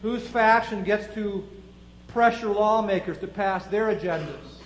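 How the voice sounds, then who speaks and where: A man's voice: sits high, measured pace, echoey room, a little hiss or hum, rough recording. A man preaching a sermon, building his point through strings of rhetorical questions.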